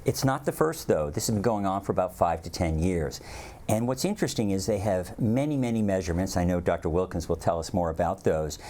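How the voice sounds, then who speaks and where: A man who is a geriatric medicine doctor, giving measured expert commentary. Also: deep voice, dark tone. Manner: measured, explanatory, with fillers.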